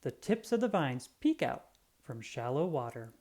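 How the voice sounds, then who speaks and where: A reader tells the tale of a children's picture book aloud with expressive flair. Medium in pitch, the delivery is unhurried.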